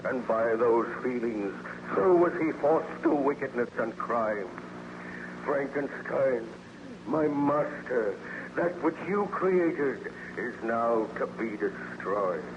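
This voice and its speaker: In a muffled, noisy vintage radio recording from the 1930s, a male actor with a medium-pitched, animated voice plays a wounded monster mourning his creator. He speaks slowly and declaims in archaic, formal language, sounding anguished, tormented, bitter and remorseful.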